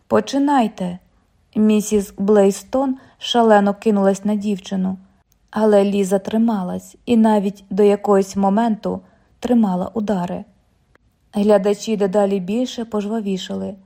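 A woman's voice: mid-range voice, steady tone, moderate pace, mellow. A woman reading a novel aloud as an audiobook narrator, voicing the characters' lines with only slight changes to her voice.

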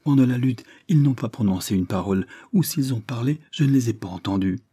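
Un homme incarne une jeune noble effrayée qui supplie et pleure, dans la lecture d'un roman. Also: male voice, mid-range voice, expressive, fairly quick, mellow, breathy edge, no room sound, clean studio sound. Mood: distraught, pleading. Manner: tearful, trembling pleading. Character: frightened young noblewoman, tearful and pleading. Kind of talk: audiobook character reading.

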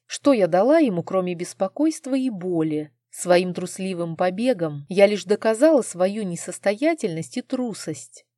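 Warm-voiced woman narrating a novel. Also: medium pitch, no echo, clean studio sound. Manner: emotional, heartfelt reading. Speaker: audiobook narrator. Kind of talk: first-person novel narration.

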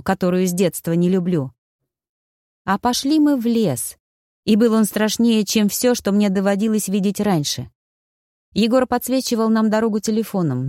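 A woman's voice: medium pitch, dry recording, clean studio sound. Woman narrating a fantasy audiobook. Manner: lively, expressive storytelling.

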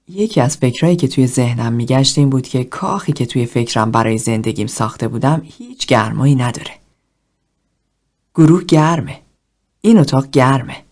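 A woman voicing a cold, self-loathing man, hushed and breathy. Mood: brooding. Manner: low, hushed, half-whispered confession. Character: cold, self-loathing middle-aged man in group therapy.

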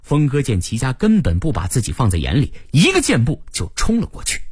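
A man's voice: mid-range voice, wildly swooping pitch, brisk, a little mellow, breathy edge, no room sound, clean studio sound. A man narrating a suspenseful first-person story with vivid delivery that builds suspense.

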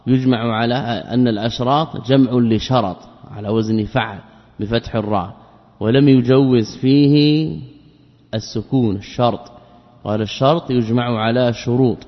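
A man explaining a religious text in a lesson, in a deliberate way, repeating words and asking rhetorical questions. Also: mid-range voice. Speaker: Islamic scholar teaching a text. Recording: dull lo-fi recording with long hall reverb.

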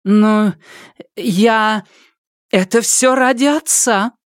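A man voicing a flighty, panicky young woman singer in an audiobook, with a high, whiny, tearful pleading manner. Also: sing-song, a little slow, dry recording, clean studio sound. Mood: flustered. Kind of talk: audiobook character voice.

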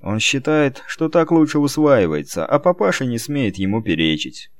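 A man's voice: mid-range voice, very animated, moderate pace, no echo. Narrator guy doing dry sarcastic bodyguard, mutters, pretty much his normal voice. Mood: sardonic. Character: phlegmatic, sardonic male bodyguard.

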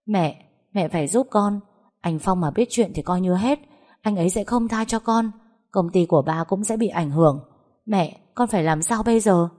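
A woman's voice: medium pitch, moderate pace, warm tone, lightly acted. A woman voicing a spoiled young adult daughter who begs and pleads in a frightened way. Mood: pleading. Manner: begging, tearful pleading.

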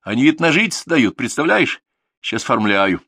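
A man's voice: medium pitch, very animated, fairly quick, sharp tone, slightly rough, dry recording, clean studio sound, pitched above the performer's own voice, heavily acted. A man reading an audiobook, voicing a touchy, brooding man who rambles and questions himself.

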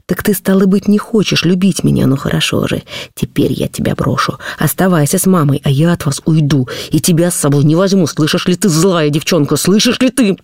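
Woman playing a frantic poor father, trembling, stern, gravelly texture, dry studio. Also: fairly low pitch, brisk, hardly any pauses, dark tone, dry recording. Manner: trembling, feverish, then stern. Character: desperate, pleading then harsh poor father.

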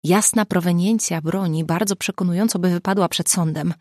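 A woman reading the lines of a brisk, teasing amateur sleuth in an audiobook. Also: on the low side, darkish tone, dry recording, clean studio sound, close to an everyday voice. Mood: earnest. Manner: brisk, matter-of-fact, teasing. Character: grown woman, sharp-witted amateur sleuth.

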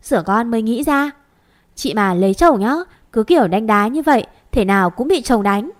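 A woman's voice: a little high, lively intonation, normal speed, lightly acted. A woman voicing a cheeky younger sister who teases and tattles to her grandmother. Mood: teasing. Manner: cheeky, teasing.

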